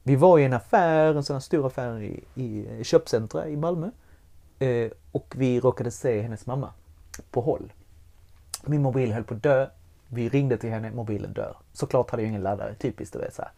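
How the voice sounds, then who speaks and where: A man telling a personal story in a conversation, candid and animated, swearing freely as he goes. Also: mid-range voice, creaky. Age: adult with young child.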